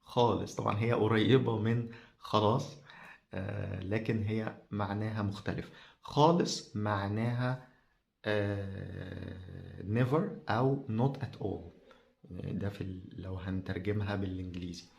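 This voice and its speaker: A man with an Egyptian accent explains words for a language podcast. His voice sits low and has a gravelly, creaky edge. He talks slowly and haltingly, stretching out fillers between phrases. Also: steady tone, a little mellow. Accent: Egyptian Arabic. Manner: slow and halting, many drawn-out fillers. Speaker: Arabic teacher.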